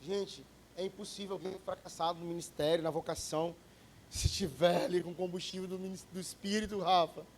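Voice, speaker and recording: Male pastor, relaxed storytelling sermon, bright high voice. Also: a little fast, slight background noise. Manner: conversational, storytelling, joking with the congregation.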